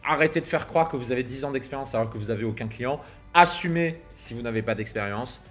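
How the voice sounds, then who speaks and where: A man gives business advice outdoors at sunset, filming himself as he talks. His delivery is punchy and emphatic, with slang and a few swear words thrown in. Soft music plays quietly behind him. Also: medium pitch, fast talker. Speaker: business coach for copywriters. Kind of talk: casual advice monologue to camera. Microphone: camera filming himself.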